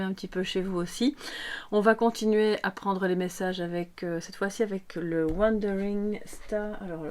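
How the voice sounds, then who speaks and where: A woman's voice: medium pitch, darkish tone. Chatty woman giving a tarot reading. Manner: chatty and affectionate, addressing viewers directly. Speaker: tarot reader. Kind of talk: casual live tarot reading. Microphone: microphone on the table.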